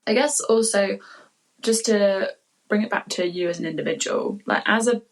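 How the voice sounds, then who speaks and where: A woman's voice: mid-range voice, normal speed, poor audio. A woman hosting a podcast, asking friendly, loosely worded questions. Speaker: podcast host. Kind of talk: interview questions.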